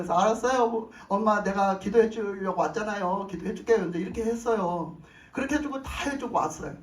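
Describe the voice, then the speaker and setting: Very high-pitched guy pastor, telling his story all worked up, sounds far off in a roomy church. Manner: animated, emotional storytelling. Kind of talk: sermon testimony storytelling. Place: church sanctuary. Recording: roomy echo, mic at a distance.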